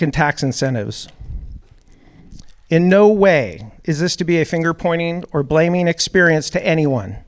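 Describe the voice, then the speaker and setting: Slightly nervous man giving opening remarks. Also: a little high. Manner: a little nervous, reads measured remarks. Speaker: event host, music producer. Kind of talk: prepared opening speech. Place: event hall with audience.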